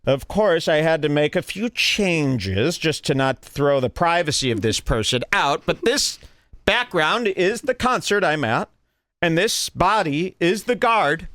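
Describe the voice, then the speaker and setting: A man's voice: fairly high pitch, sing-song, unhurried, fairly bright tone, no echo. A man hosting a podcast, telling a comedic story in an exaggerated, indignant way. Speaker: podcast host.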